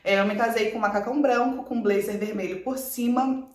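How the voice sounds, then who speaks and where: A woman in her twenties chatting quickly to camera, telling a personal story with lively asides. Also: a little high, roomy sound, background noise. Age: 20s. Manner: chatty, fast, animated retelling with quoted asides. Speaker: vlogger.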